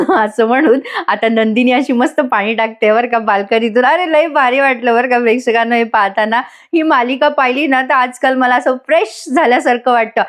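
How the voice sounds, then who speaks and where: A woman's voice: on the high side, moderate pace, hardly any pauses. A woman giving a chatty voice-over recap of a TV serial, laughing often and talking to her viewers. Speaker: TV serial reviewer.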